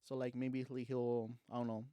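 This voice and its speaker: A man's voice: mid-range voice, little pitch movement, moderate pace, dark tone, clean tone, dry recording. Rambling young-sounding man, dry podcast mic. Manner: rambling, many fillers and restarts. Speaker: podcast host. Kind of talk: casual chat.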